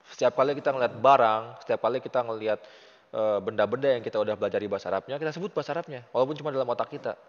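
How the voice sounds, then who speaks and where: A man's voice: medium pitch, rapid-fire. An Indonesian-accented man tutoring Arabic in a casual lesson, patient and full of praise. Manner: patient, encouraging, praises often. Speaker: Arabic teacher. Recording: muffled audio with long reverb.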